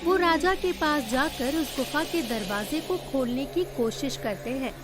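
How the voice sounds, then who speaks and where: A woman narrating a cartoon moral story in a measured storytelling manner. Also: high voice, expressive, music in the background.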